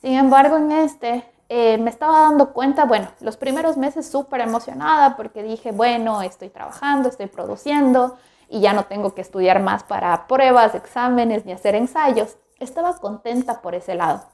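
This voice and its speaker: A woman's voice: on the high side, moderate pace. A woman in her twenties from Ecuador, hosting a podcast and telling her own story in a reflective, candid way. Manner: reflective and candid, warm direct address to listener. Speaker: podcast host. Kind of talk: personal storytelling monologue.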